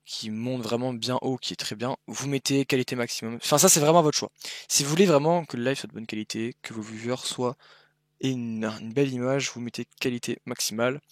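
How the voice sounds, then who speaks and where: A young man talks through software settings in a loose, chatty tutorial voice over a screen capture. His delivery is informal and rambling, full of fillers and quick self-corrections. The sound is dry, with no room around it. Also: medium pitch, dry recording. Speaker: streaming tutorial creator. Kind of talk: casual screen-recorded tutorial.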